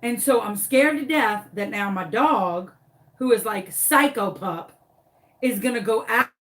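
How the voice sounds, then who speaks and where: A woman's voice: a little high, fairly bright tone. A woman, a craft vlogger dramatically retelling a story with emphatic repeats. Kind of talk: animated storytelling.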